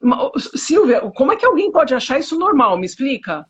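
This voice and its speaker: A psychotherapist with a Brazilian accent, speaking emphatically with indignant rhetorical questions in a conversational interview. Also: female voice, sits high, sing-song, a little fast. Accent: Brazilian Portuguese. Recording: dull lo-fi audio.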